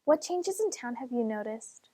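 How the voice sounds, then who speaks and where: A woman's voice: fairly high pitch, animated, normal speed, mellow, slightly rough. A woman hosting an oral history interview, asking polite prepared questions. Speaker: interview host.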